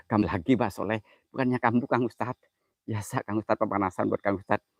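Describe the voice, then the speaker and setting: A man's voice: lowish voice, steady tone, a little fast, dry recording, studio quality. A man, hosting a ghost-hunting livestream outdoors at night, joking nervously and calling out viewers by name. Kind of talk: casual live commentary.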